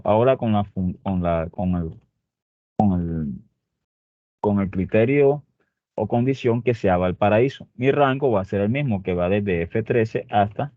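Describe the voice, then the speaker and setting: A fairly low-pitched man explains a spreadsheet tutorial one step at a time, often stopping to ask "¿ok?" and address his "muchachos." The sound is dry and thin, as if recorded on a phone.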